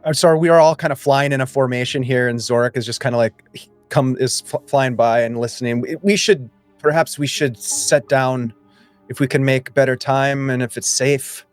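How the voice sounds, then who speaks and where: Man, game player, improvised in-character talk, middle register, quiet music underneath. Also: medium pitch, fairly even intonation, moderate pace. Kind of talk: improvised in-character role-play.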